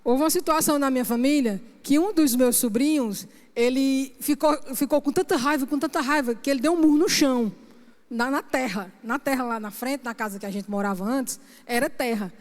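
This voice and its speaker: A woman minister preaches with emphasis and checks in with her congregation again and again. Her voice sits high. It trails off into the long reverb of a church sanctuary. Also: fairly quick. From Brazil. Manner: emphatic preaching, punctuated with frequent "Amém?". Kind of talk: sermon.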